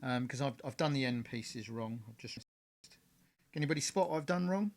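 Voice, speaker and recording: Gravelly man demonstrating a craft. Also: mid-range voice, animated, fairly quick, slight background noise. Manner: rambling, chatty, with many fillers and self-corrections. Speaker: model railway hobbyist host. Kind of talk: live-streamed crafting demonstration.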